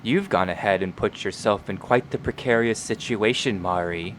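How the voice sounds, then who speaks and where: Man voicing a sly, sinister, scheming spirit, low-pitched. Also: slight background noise, close to an everyday voice. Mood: sly, taunting. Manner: sly, taunting, slow and drawn out. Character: sinister scheming male spirit voice in the mind, mocking.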